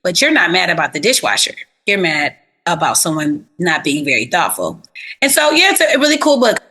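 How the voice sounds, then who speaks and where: A woman therapist telling stories in a casual interview, animated and plain-spoken with easy slang. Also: on the low side, a little fast, slightly rough. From South Florida.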